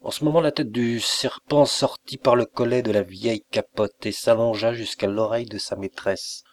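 A man narrating a classic fantastic tale in a measured, expressive audiobook reading. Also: mid-range voice.

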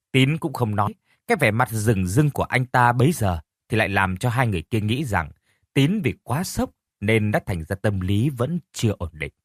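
Man, audio story narration, measured, dramatic, lively pitch, dry close sound. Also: no echo.

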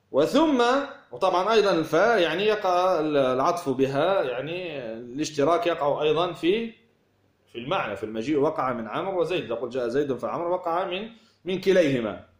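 Male grammar teacher with a slightly high voice, lecturing through examples in a roomy, echoing space. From Tunisia. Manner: explains with worked examples and rhetorical questions. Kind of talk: classroom lecture. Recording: echoey room.

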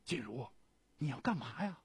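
An anxious old woman, as a man puts her on pleads in a raised, husky voice with lively swings of pitch. The sound is dry and close. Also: moderate pace, dry recording. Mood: pleading. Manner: pleading, tearful questions.

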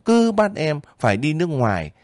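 A chatty young girl soldier, homesick and quick to tears, voiced by a man in a raised, brighter register. Her words tumble out eagerly. The reading sits close and dry on the mic. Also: fairly high pitch, big pitch swings, no echo, pitched above the performer's own voice. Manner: chatty, emotional, breaks into crying. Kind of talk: audiobook reading.

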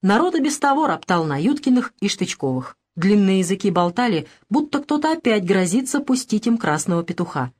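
A woman narrating a novel as an audiobook, in a steady, even storytelling manner. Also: mid-range voice, a little fast, few pauses. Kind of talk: scripted narration.

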